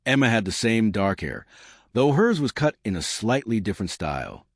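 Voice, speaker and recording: A man giving measured scripted narration of a true story. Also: on the low side, sing-song, no echo, clean studio sound.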